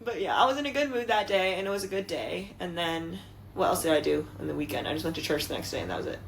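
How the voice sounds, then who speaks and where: A woman's voice: on the low side, fast talker, creaky, a little hiss or hum, low-quality recording. A young adult woman co-hosting a podcast in casual chat, rambling with many restarts and giggling often. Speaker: podcast co-host.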